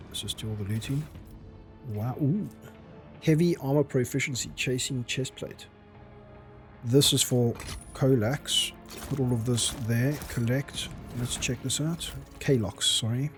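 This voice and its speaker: This is a man with an ordinary mid-range voice, hosting a game playthrough. He reads the narration and characters' lines aloud at a measured pace, then slips back into loose, casual remarks, correcting his own pronunciation as he goes. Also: mid-range voice, a little mellow. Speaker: gaming channel host. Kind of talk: let's play commentary and reading game text aloud.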